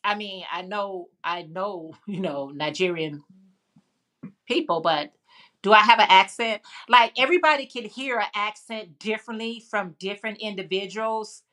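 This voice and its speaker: This livestream host, a woman with a Chicago accent, responds to viewer comments during a relaxed, rambling live chat. Her mid-range voice is sharp in tone and moves at a moderate pace, with lots of fillers and restarts.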